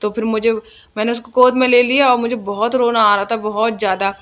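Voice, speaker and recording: A woman's voice: a little high, level tone, a little fast, muffled recording. A young woman talking casually in her home vlog about her children and the day's chores. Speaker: vlogger.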